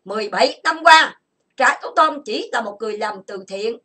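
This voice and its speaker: A woman from Vietnam who hosts an online chat room, delivering an angry monologue full of insults and grievances, listed in rapid bursts. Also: a little high, animated, bright, forceful tone.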